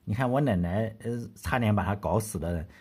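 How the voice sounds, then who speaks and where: Husky low-voiced man telling history casually. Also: brisk, a little mellow. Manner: colloquial, blunt, swears freely, asks the listener rhetorical questions. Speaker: history podcast host. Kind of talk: casual storytelling lecture.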